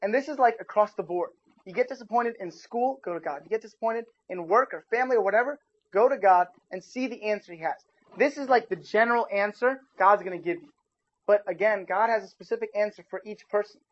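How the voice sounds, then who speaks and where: Casual young preacher, lo-fi sound. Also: male voice, high-pitched, fairly quick. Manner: casual, talks with his audience, animated asides. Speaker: youth pastor. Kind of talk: informal sermon. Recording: dull lo-fi recording.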